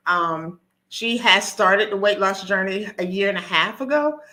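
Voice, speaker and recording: A woman nurse practitioner opens a live stream, talking eagerly and quickly with plenty of ums and restarts. Her tone is bright and forward, with a middle pitch. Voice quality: nervous, talkative, many ums and restarts.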